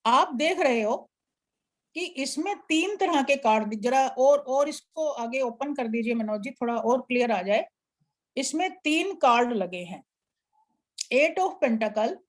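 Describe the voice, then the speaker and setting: A woman teaching a live tarot class, explaining card spreads step by step. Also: sits high. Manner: explanatory, instructive, asks an assistant to show slides. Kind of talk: live online class lecture.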